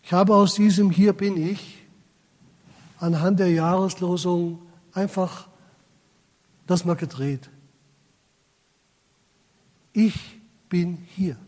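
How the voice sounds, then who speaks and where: A man's voice: sits high, steady tone, slow pace, pauses often, darkish tone, in a large hall. A man preaching a sermon, speaking straight to his congregation and reading scripture aloud with dramatic weight. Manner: addresses the congregation directly, quotes scripture dramatically.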